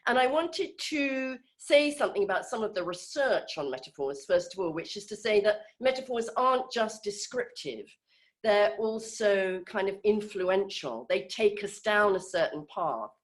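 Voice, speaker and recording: A woman's voice: mid-range voice, lively intonation, moderate pace. A woman giving an informal talk on a video call, conversational and hesitant, with many fillers and restarts. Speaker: speaker in an online group session.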